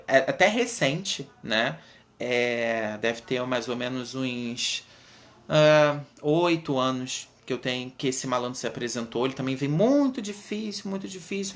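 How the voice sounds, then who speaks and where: A man's voice: medium pitch, fairly bright tone. A man in his thirties with a Brazilian Portuguese accent, an Umbanda medium earnestly telling his own story on a livestream. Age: 30s. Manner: earnest, unhurried, frequent tag questions.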